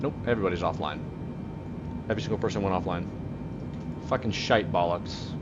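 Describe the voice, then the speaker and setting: Quick man on a pilot headset mic. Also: sits low, highs cut off, heavy background noise. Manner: brisk, dry and joking, swears casually. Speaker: flight simulator streamer playing airline pilot. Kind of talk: cockpit radio calls and casual narration.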